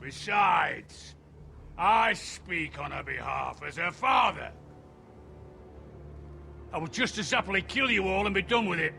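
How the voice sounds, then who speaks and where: An actor playing a gloating middle-aged enemy lord in a game drama, sneering with mock generosity. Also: male voice, high voice, animated, a little slow, creaky, pauses often, pushed and bright, shouting, a little hiss or hum, heavily acted. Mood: menacing, gloating. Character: menacing, gloating enemy lord, a stern father. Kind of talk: dramatic video game acting. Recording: music behind the voice.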